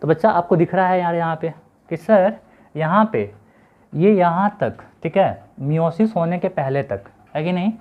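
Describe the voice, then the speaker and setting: A man teaching biology to students, asking questions and repeating key terms slowly for them to remember. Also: fairly high pitch. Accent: Hindi-English code-switching. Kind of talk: classroom lecture. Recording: tinny phone-like lo-fi audio.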